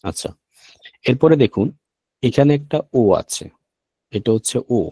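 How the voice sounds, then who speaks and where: A man with a Bangladeshi Bengali accent teaching an online language lesson, slow and patient, repeating each sound. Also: medium pitch, expressive, warm tone, breathy edge, no echo.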